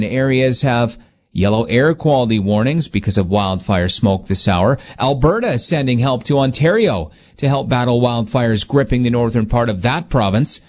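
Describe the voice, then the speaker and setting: A man reading the morning news as a radio anchor, in a steady, measured delivery, heard through a small tinny radio. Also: mid-range voice. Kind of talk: scripted newscast reading. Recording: muffled lo-fi radio broadcast.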